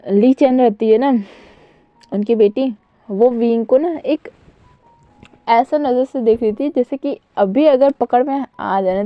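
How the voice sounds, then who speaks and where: A woman's voice: a little high, dry recording. Chatty woman retelling a story. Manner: chatty, with frequent fillers. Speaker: storyteller retelling fan fiction. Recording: dull dry home recording, faint music.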